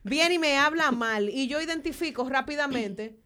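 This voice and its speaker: A woman co-hosting a podcast, telling a personal story in an animated way and repeating herself for emphasis. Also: sits high, normal speed. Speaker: podcast co-host. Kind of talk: casual chat, personal storytelling.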